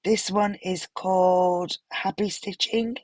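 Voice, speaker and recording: A woman with a hoarse, unwell voice, gently narrating a craft tutorial voiceover with some apologetic pauses. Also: medium pitch, fairly even intonation, no room sound. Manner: gentle, apologetic, stops for fillers. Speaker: card-making tutorial host.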